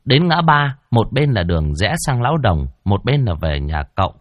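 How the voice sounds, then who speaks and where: A man's voice: on the low side, big pitch swings, moderate pace, no echo. A man narrating a comic ghost story in a playful, vivid way.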